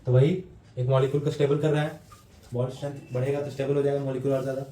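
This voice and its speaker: Male teacher, mid-pitched, very mellow dark tone; patient step-by-step lecture with slow dictation, echoey classroom. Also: flat delivery, slight background noise. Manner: explains step by step, slow deliberate dictation, frequent checks with students. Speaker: chemistry teacher.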